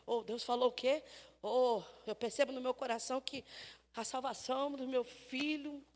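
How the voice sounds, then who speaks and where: A woman with a Brazilian Portuguese accent preaching a sermon at a church, telling the story lively and acting out the dialogue, swinging from loud to soft. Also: high-pitched, moderate pace, in a large hall.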